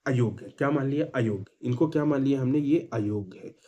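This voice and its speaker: A man's voice: mid-range voice, brisk, warm tone, a little hiss or hum. A male teacher giving an exam-prep grammar lesson, asking and answering his own questions and repeating key points with emphasis.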